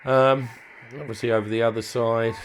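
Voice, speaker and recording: A hobbyist man informally demonstrates modified radio gear hands-on, thinking aloud hesitantly and frequently trailing off. His mid-range voice holds a level tone at normal speed, with a little hiss or hum in the recording.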